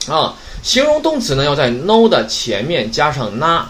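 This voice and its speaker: Male language teacher, slightly high voice, very animated pitch, keeps asking "right?" while explaining grammar. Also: moderate pace, slight background noise. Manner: asks rhetorical questions, frequent "对吧" checks.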